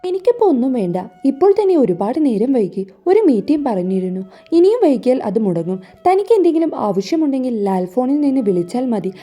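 A woman's voice: high voice, very animated, brisk, dark tone. A woman voicing a stern, commanding young husband who gives curt orders in a storybook reading, over faint music.

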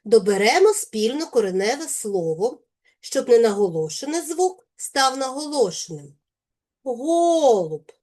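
A woman teacher with a Ukrainian accent giving a lesson, carefully and deliberately pronouncing each sound and example word. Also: a little high, big pitch swings, a little mellow. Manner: slow, careful, deliberate enunciation of sounds and words. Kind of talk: scripted lesson for children.

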